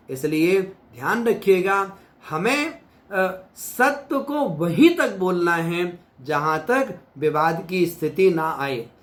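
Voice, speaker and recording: Indian guy preaching a sermon, slow and deliberate, kinda high voice. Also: fairly bright tone. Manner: slow, measured, preacherly with stressed pauses. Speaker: pandit giving a religious discourse. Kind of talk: devotional sermon.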